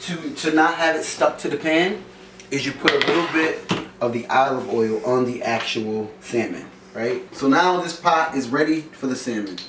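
The audio comes from a camera mic on the far side of a small home kitchen, sounding echoey, remote and noisy. There, a man in his thirties hosts a laid-back cooking show, joking and cursing casually as he works. His mid-range voice is expressive and moderately paced.

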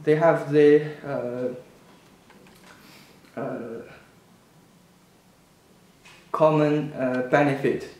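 Slow, halting man with echo. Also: a little high, fairly even intonation, darkish tone. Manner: halting, many fillers and restarts, indignant. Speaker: student. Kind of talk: personal account to camera. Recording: echoey room, faint background noise.

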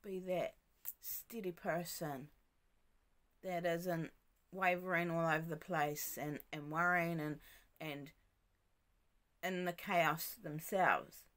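Woman, devotional vlogger, bright unhurried voice, soft trailing delivery. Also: fairly low pitch, fairly even intonation. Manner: gentle, often drops to a soft near-whisper; many fillers and restarts, reflective. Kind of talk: casual devotional talk.

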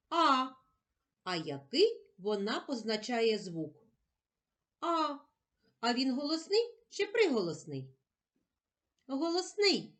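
A woman teacher speaks slowly to young children, stretching out each sound and syllable. Her fairly high voice rises and falls a great deal, giving even plain instructions a sing-song lilt. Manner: clear, drawn-out sounding of letters and syllables. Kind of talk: slow lesson for young children.

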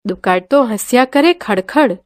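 A woman reading a children's story aloud in a lively, sing-song way, sounding out playful sound words. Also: fairly high pitch, unhurried, no room sound, studio quality. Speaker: teacher reading a textbook story.

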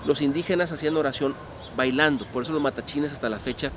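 A man's voice: fairly high pitch, fast talker. Man guiding an outdoor tour. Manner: animated, gesturing, asks the audience questions. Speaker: museum guide. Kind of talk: storytelling tour explanation. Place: outdoor park museum among statues. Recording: outdoor background noise.

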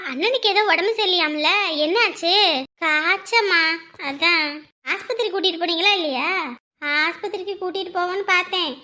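A woman's voice: extremely high pitch, sharp tone. A woman, chatting and scolding in a neighbourly skit. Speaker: performer voicing village women. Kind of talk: village comedy skit dialogue.

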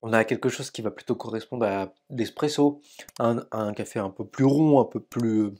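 A man's voice: medium pitch, normal speed, a little mellow. A man in his thirties, a coffee YouTuber, chatting casually as he tastes and describes coffees in a small home studio, with many fillers and hesitations. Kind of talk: casual coffee tasting vlog.

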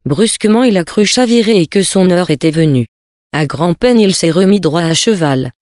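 A narrator reading old tales in a measured, literary manner. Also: medium pitch, lively intonation, a little mellow, no room sound, clean studio sound.

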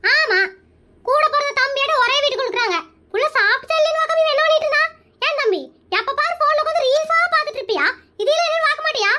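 A shrill, very high, sharp-toned cartoon aunt who nags and bosses everyone in rapid-fire bursts. She scolds nonstop and talks over people, all in a comedy cartoon register. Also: animated, exaggerated voice. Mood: nagging. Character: bossy meddling middle-aged aunt, loud and scolding.

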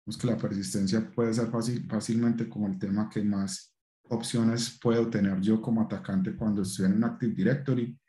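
Low-voiced man presenting over webcam. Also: flat delivery, normal speed, warm tone, reverberant. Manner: hesitant, frequent fillers and restarts. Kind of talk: technical meetup presentation.

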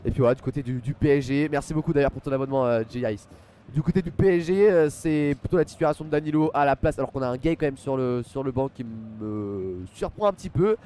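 A man's voice: mid-range voice, quick pace, dark tone, slight background noise. A young man hosting a live football stream from home on a headset mic, chatting casually with many fillers and thanking viewers by name. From France. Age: young adult. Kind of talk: live pre-match football commentary and chat reading. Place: small home room at a desk. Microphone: headset microphone.

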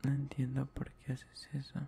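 Man playing a whispering, creaky, affectionate young boyfriend, whispered role-play. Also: medium pitch, completely flat delivery, mellow, slight background noise. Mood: tender, gently scolding. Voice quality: breathy whisper. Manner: slow, tender, repetitive murmuring. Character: affectionate young boyfriend soothing his partner to sleep. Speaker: ASMR performer.

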